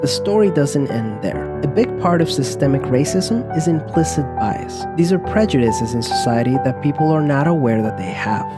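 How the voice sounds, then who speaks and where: A man giving calm, measured, scripted narration for an explainer video. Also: fairly high pitch. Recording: narration over music bed.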